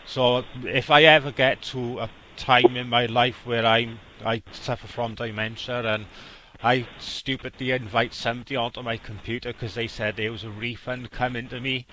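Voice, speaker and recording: A man's voice: mid-range voice, flat delivery, moderate pace, bright, forceful tone, slight background noise. A man from South Wales with a Welsh accent, a scambaiter earnestly giving advice over a phone call, often stammering as he restarts. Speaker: scambaiter host.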